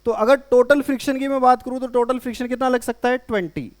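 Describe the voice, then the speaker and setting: A man with a high-pitched voice teaches a classroom physics lesson. He talks in Hindi mixed with English terms and keeps firing questions at his students. He sounds lively and conversational, as he would in front of a live class. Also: fast. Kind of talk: classroom lecture.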